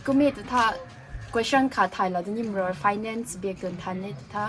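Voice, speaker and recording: A woman hosting a casual talk show interview, mixing in English words and nodding along with soft "mm" sounds. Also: medium pitch, normal speed. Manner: mixes in English words, frequent soft "mm" acknowledgements. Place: cafe.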